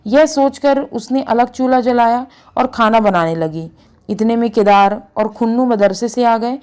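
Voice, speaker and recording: Woman storyteller, classic short story read aloud, measured and even, fairly high voice.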